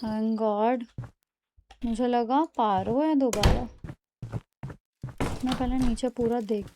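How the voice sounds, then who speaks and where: A woman streamer narrates a horror game in a high voice, talking to the characters on screen. She reacts dramatically and takes her time between lines. A faint hiss sits under her voice. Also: fairly even intonation, takes it slowly. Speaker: gaming streamer. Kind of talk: let's play commentary.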